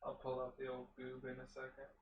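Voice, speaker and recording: A man's voice: mid-range voice, completely flat delivery, fairly quick, dull audio, a little hiss or hum. Teasing man on a distant roomy mic. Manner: teasing, dry asides. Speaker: co-player. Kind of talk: casual gameplay chat.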